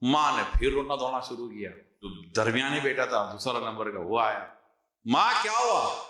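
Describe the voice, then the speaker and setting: A male preacher telling a moral story in a sermon, animated, acting out the characters and mixing in English words. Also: medium pitch. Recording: roomy echo.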